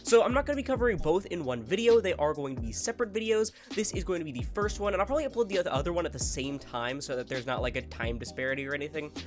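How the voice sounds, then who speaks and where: A card game YouTuber with a congested, nasal voice from a head cold gives rambling, casual video commentary, correcting himself as he goes and swearing now and then. His voice is a little high with lively intonation, and he races along with hardly any pauses over faint music.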